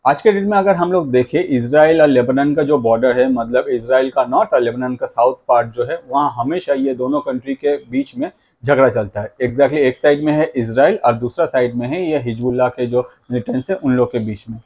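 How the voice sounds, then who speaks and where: A man with a mid-range, expressive voice talks a little fast, with a slightly mellow, breathy edge. As a video creator and host in a small, plain indoor room, he explains the news to camera through a lapel mic, repeating catchphrases and mixing in English phrases.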